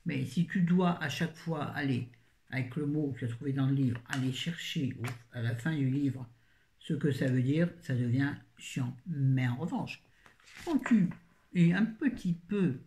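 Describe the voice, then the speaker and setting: A woman's voice: low voice, darkish tone. A middle-aged woman from France talks through her latest reads in a loose, casual way. She rambles, restarts her sentences and throws in little jokes as she goes. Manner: chatty, rambling, self-correcting, jokey asides. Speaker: book reviewer. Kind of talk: casual book review chat.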